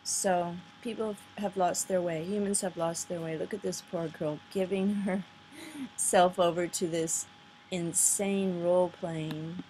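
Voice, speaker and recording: Her fairly low, warm voice keeps a steady tone and runs a little slow as she offers earnest, rambling commentary over videos. The casual, off-the-cuff talk comes from a poor-quality home recording with slight background noise.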